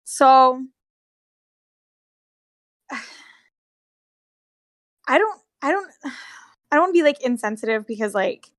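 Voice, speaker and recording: High-pitched and animated yet slow, with long pauses and a fairly bright tone, this young woman recounts her days as a theme park character performer. She's gossipy and casual, sweary and slangy, leaning hard on "like," and the studio recording is clean with no room sound.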